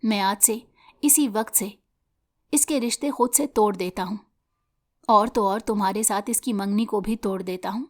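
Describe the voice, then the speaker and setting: A woman's voice: medium pitch, a little mellow, lightly acted. A woman voicing an angry, unforgiving middle-aged uncle in a story reading. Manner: harsh and blunt.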